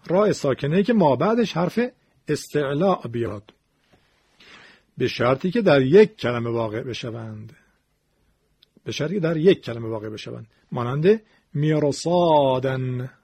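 A man teaching a Quran recitation lesson step by step, slowing down to chant example words. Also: a little high, a little mellow, husky. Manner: explains rules patiently, slows down to chant example words.

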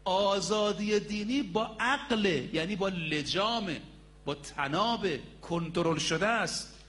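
A man preaching a sermon to a gathered audience, retelling stories dramatically with emphatic rises and slow, drawn-out stresses. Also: high-pitched, a bit bright. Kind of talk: religious sermon.

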